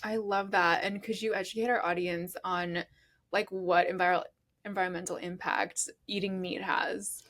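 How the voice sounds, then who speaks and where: A woman's voice: on the low side, little pitch movement, normal speed, fairly bright tone. A woman with a Miami accent hosting a casual interview, enthusiastic, often gushing over her guest's answers. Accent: Miami English. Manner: enthusiastic, frequent "oh my gosh" and "I love that". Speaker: podcast host.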